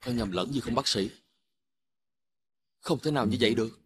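An actor playing a young husband who reacts with strained disbelief. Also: male voice, mid-range voice, normal speed, slight background noise, natural voice. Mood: disbelieving.

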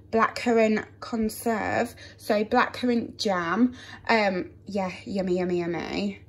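A young woman and mother chatting casually through her grocery haul in a home kitchen, filling pauses with "um" and joking about her own laziness. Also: mid-range voice, slight background noise. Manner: chatty, self-deprecating, many "um" fillers. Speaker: vlogger, mother.

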